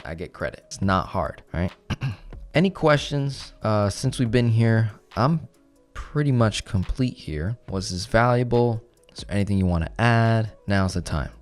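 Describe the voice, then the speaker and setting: A young man teaching a live online finance class, talking with energy and often asking rhetorical questions. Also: low-pitched. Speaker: finance coach.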